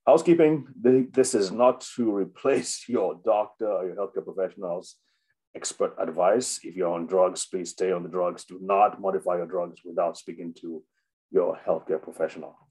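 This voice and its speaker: A man's voice: low-pitched, fairly even intonation, moderate pace, darkish tone, husky, poor audio. A man, a doctor, giving an unscripted health webinar, with many fillers and restarts. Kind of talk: informal health talk.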